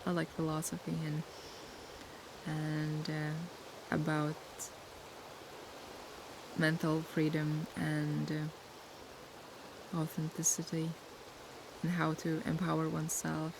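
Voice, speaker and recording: Gentle and reflective, a young ASMR creator from Latvia whose native tongue is Latvian chats through a relaxed Q&A, pausing to hunt for words. Her voice is low, level and flat with gravelly fry, set against the constant wash of sea waves outdoors.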